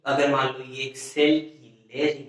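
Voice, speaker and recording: A man's voice: medium pitch, flat delivery, measured pace, a bit bright. A man teaching a school biology lesson, often asking the class questions and answering them himself, sometimes correcting his own slips. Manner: repetitive call-and-response questioning, frequent self-corrections. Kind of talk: classroom biology lecture in Hindi-English mix. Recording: very echoey room, voice from far off.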